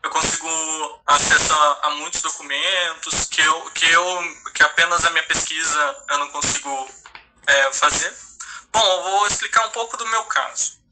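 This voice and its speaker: A Brazilian man in his thirties tells his own story, stumbling and restarting often as he looks for words. His voice sits a bit high for a man and comes through a line with clear background noise and clicks. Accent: Brazilian Portuguese. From Paraná, Brazil. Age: 30s. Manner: halting, many restarts and hesitations. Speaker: lawyer and guest speaker. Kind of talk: personal testimony.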